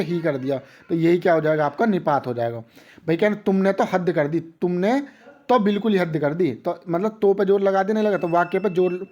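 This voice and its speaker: A man's voice: sits high, darkish tone, lo-fi sound. A man teaching an exam-prep grammar lesson, drilling students with repeated rhetorical questions.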